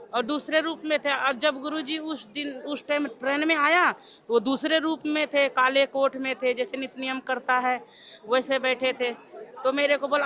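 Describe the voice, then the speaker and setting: Woman devotee, high and bright voice, recounts a personal testimony and acts out the dialogue she remembers.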